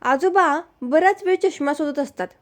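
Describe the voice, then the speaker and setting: A woman reading out a string of jokes slowly and cheerfully, dropping her voice low when she speaks for the grandparents. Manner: slow, cheerful storytelling, lowering her voice for the grandparents. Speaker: joke narrator. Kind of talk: read-aloud jokes with character voices.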